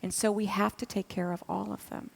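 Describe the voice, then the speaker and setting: A woman's voice: mid-range voice, level tone, brisk, creaky. Woman astronaut from massachusetts chatting thru her slides on stage, lots of uh's, long hall echo. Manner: warm, chatty, with frequent fillers and restarts. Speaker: astronaut, conference speaker. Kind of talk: conference talk with slides. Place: conference stage. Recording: long hall reverb in a conference room.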